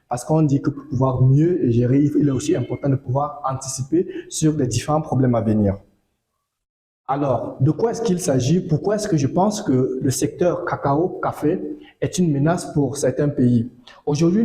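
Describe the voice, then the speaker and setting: A man giving a measured farming talk, repeating phrases and using fillers. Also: mid-range voice, dark tone, roomy sound. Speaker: agricultural educator. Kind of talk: informative monologue.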